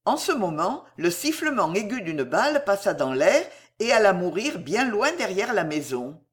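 A narrator reading a war story aloud with an expressive, dramatic delivery. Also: medium pitch, moderate pace.

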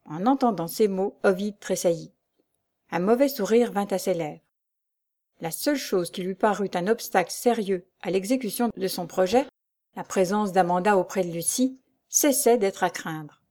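Audiobook narrator, woman, calm and even, warm mellow tone. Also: medium pitch, moderate pace. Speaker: audiobook reader. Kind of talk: scripted narration of a classic novel.

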